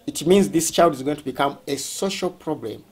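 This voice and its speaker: A man with a Ugandan accent, representing a school, explains things during a tour in a halting, deliberate manner, often rephrasing himself. His voice sits on the high side.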